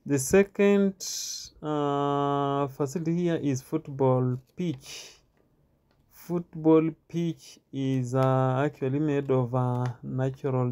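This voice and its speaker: A tour guide leads a walking tour of a stadium outdoors, speaking haltingly with many filler pauses and repeats, recorded on a handheld phone. His voice is mid-range with a darkish tone.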